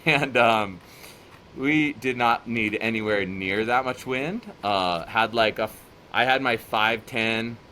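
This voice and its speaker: Male guest, bright and lively, laughs through his stories, faint noise. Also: medium pitch, slow. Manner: animated, laughs while telling stories. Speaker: podcast guest. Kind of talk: casual storytelling chat.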